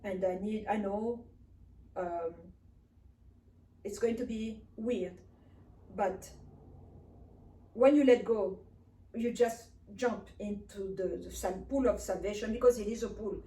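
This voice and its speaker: Speaking slowly with long pauses, this African woman minister uses a warm, mid-range voice for her personal testimony sermon. Swahili is her first language, and she is earnest and emphatic, repeating phrases. A distant mic picks her up in an echoey room, with faint hiss.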